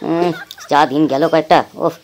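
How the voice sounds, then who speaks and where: A woman's voice: sits low, steady tone, moderate pace, a little mellow, slight background noise, lightly acted. A woman voicing a lazy, sleepy, food-loving male god and father in a cartoon, with a rambling, grumbling, easygoing manner. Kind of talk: cartoon voice acting.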